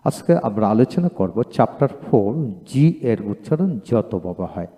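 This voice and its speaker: A man leads a spoken English lesson, saying each word twice in a slow, deliberate drill. His voice is dark and mellow, and he sounds encouraging. A long reverb trails behind him. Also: fairly low pitch, very animated. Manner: encouraging, religious phrases. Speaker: English teacher.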